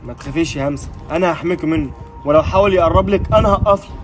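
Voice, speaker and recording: A man acting out a brave young Egyptian man who vows to protect a frightened girl. He speaks earnestly and at great speed, in a fairly high voice. Faint music plays beneath him. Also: lightly acted. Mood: reassuring. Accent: Egyptian Arabic. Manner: quick, earnest, reassuring. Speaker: actor in a web drama. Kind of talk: amateur web drama acting.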